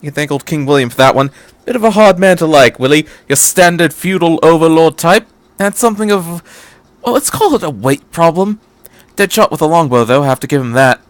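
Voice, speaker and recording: Man playing an animated, airy, rambling eccentric doctor. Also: on the high side, brisk, dry recording, pitched above the performer's own voice, close to an everyday voice. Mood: breezy rambling. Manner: airy, digressive, quizzical chatter. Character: eccentric, rambling, playful male time-traveling doctor teaching class.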